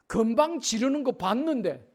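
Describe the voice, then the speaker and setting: A man's voice: extremely high pitch, lively intonation, normal speed, a faint crowd. A middle-aged man preaching a revival sermon in a church, emphatic, often acting out short dialogues with children. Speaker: pastor. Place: church sanctuary.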